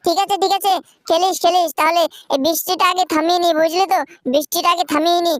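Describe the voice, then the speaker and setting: A gaming channel host narrating a role-play game video in a bossy, repetitive, excitable way. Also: very high-pitched, fast talker, dry recording, studio quality.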